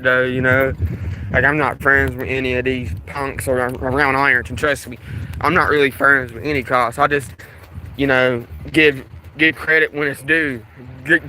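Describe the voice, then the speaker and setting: A man's voice: medium pitch, bright, forceful tone, a little hiss or hum, rough recording. A man vlogging outdoors on a hot day, sweating and talking in a casual, repetitive ramble full of restarts. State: sweating in the heat. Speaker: vlogger filming police in his town.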